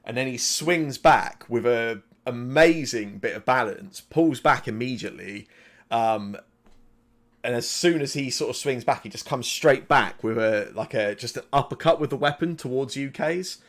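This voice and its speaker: A man's voice: medium pitch, normal speed, fairly bright tone. A man narrating as game master of a tabletop game, in a rambling, self-correcting way, speaking into a desk microphone at home.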